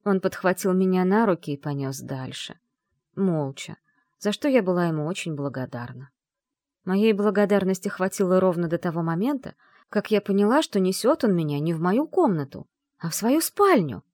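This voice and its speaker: Female audiobook narrator, expressive first-person telling, slightly low voice, dry studio sound. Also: normal speed, no echo.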